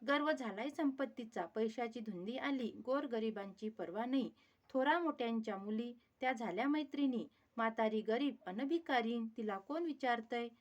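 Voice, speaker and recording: A stern, proud old woman in a storybook tale, as a female narrator puts her on, her speech slow and measured. The voice sits a little high for a woman. It is read plainly, without heavy acting. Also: lo-fi sound, natural voice. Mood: indignant.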